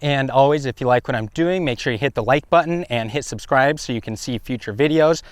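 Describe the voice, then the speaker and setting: A man's voice: medium pitch, brisk, clean tone, no room sound. A man giving a casual, explanatory camera test commentary as the host of a review video, speaking outdoors into an action camera microphone. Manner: explanatory, informal. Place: outdoors on a windy hilltop. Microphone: action camera built-in microphone. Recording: heavy wind noise, outdoor camera microphone. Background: loud wind noise.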